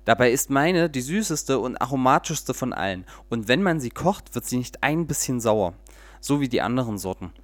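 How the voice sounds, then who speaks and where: A man's voice: mid-range voice, expressive, normal speed, dry recording, close to an everyday voice. A man reading as an earnest plum grower. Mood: aggrieved. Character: fussy male plum grower, earnest and easily discouraged.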